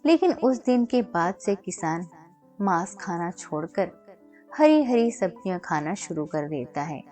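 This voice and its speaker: A woman storyteller giving scripted narration of a children's moral story in a steady, even-toned reading. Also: fairly low pitch, unhurried, soft background music.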